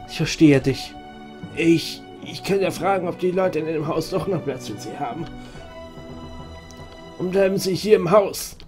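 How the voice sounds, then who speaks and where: A man with a German accent streaming a video game, reading its dialogue aloud and muttering comments to himself in a casual let's-play style. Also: a little high.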